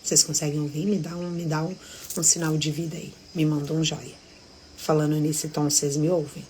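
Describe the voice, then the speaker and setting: A Brazilian woman hosting a live devotional from her living room at night, telling a story intimately and often dropping to a hushed half-whisper. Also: low-pitched, little pitch movement, a little fast, a little hiss or hum. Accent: Brazilian Portuguese. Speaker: devotional host.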